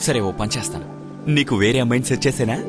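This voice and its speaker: A man's voice: mid-range voice, very fast, over music, close to an everyday voice. An actor playing a joking, easygoing young man in dubbed film dialogue. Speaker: friend and son-in-law.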